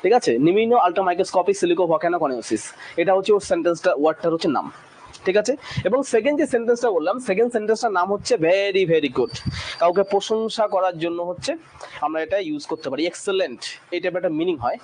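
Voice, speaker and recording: A man teaching a classroom English lesson, drilling long words slowly syllable by syllable and checking in with the students often. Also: high voice, a little mellow, slight background noise. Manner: drills pronunciation slowly syllable by syllable, often asks "ঠিক আছে?".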